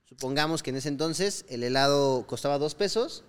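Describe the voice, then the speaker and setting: Mexican man telling animated anecdotes. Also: fairly high pitch, normal speed, clean tone. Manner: lively storyteller acting out quoted lines with slang. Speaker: podcast co-host. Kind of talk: casual podcast chat.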